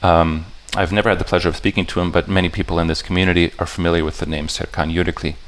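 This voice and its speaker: A man's voice: low voice, little pitch movement. A man giving an explanatory talk to a live audience about puzzle patterns, often stopping to restart and rephrase his sentences and checking in with listeners. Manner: halting and self-correcting, stops to restart sentences; talks directly to the audience with checking questions.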